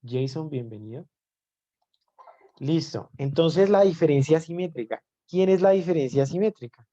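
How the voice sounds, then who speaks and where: A man teaching a live online class, with a dark, mellow tone. He walks through each definition step by step and often pauses to check that his students are following. The audio is a little dull and lo-fi. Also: on the high side, expressive. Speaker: math teacher.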